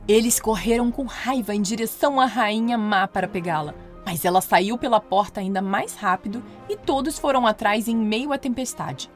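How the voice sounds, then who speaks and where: A woman narrating a children's fairy tale in an expressive, playful way. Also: medium pitch, moderate pace, few pauses. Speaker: storyteller. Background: soft music.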